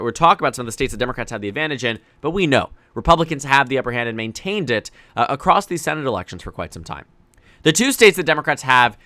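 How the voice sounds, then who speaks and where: Fast-talking young man analyzing elections. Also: medium pitch, dry recording. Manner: rapid, energetic, self-correcting analytical talk. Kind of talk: solo political commentary.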